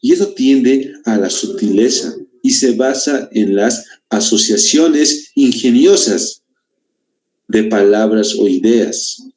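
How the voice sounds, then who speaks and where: A man's voice: fairly low pitch, a little mellow. A man from Bolivia teaching a literature lesson to exam applicants, explaining step by step with rhetorical questions and many tag questions. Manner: deliberate, stretches key words slowly.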